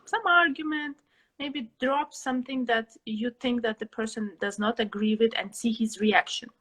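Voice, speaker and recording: A young woman from Russia, an interview guest who answers thoughtfully, pausing to find her words. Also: on the high side, fairly bright tone, low-quality recording. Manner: reflective, pauses to find words.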